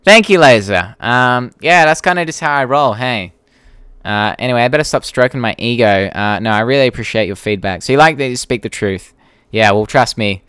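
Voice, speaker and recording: Hosting a casual YouTube live Q&A, the young Australian man talks with viewers and reads their comments, blunt and sweary throughout. His voice is medium-pitched, a little fast, slightly bright and smooth, in a dry, studio-quality recording.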